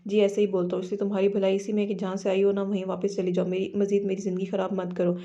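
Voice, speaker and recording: Lady reading rude young husband, curt and flat, dull audio. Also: medium pitch, fast, natural voice. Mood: harsh.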